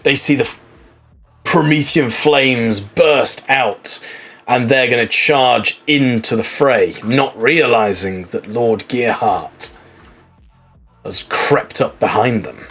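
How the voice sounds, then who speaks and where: A man's voice: medium pitch, fairly bright tone, slightly rough, faint music behind. A man acting as game master, explaining rules and narrating the action in a tabletop game. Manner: rules talk and quick narration.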